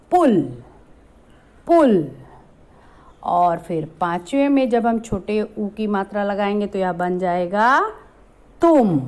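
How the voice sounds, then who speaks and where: A woman's voice: on the high side, a little mellow. A woman teaching Hindi to young children in a recorded lesson, patiently drawing out each syllable and mixing in the English word "so". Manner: slow, patient, drawn-out sounding of each syllable. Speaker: primary school Hindi teacher.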